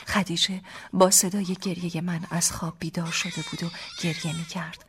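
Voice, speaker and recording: A woman narrating a first-person story as an audiobook, hushed and intimate. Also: lowish voice, level tone, a little hiss or hum.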